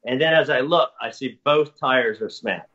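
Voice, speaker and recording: A man's voice: medium pitch, moderate pace, a bit bright. A man in a casual interview, telling a long story in a rambling, self-correcting way. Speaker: guest recounting experiences. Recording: dull lo-fi audio.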